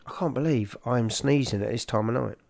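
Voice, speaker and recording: A man's voice: mid-range voice, fairly quick, vocal fry, a little mellow. Casual South London man chatting on a livestream. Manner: informal and matey, calling people "mate". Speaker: livestream host. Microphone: large microphone up close.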